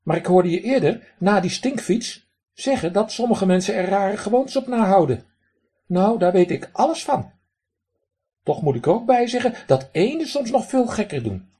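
A man's voice: high voice, lively intonation, normal speed, dark tone, husky, voice pushed up. A man doing a raw-quacking scolding male duck. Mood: explaining. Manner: reproachful, sarcastic. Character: stern sharp-tongued male duck, scolding. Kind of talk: storybook reading.

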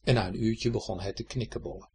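A storyteller reading a children's story aloud in a lively, expressive way, speaking directly to the young listener. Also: mid-range voice, fast, a little hiss or hum.

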